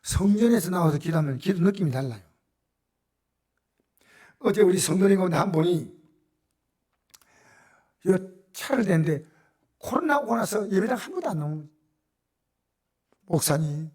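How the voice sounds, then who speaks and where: A middle-aged man preaches in a church with a Gyeongsang accent. His voice sits high and leaps widely in pitch. He moves from ringing cries down to near-whispers. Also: moderate pace, long pauses. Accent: Gyeongsang Korean. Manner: animated, shifts from loud cries to near-whispers. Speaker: pastor. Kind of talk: sermon. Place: church sanctuary.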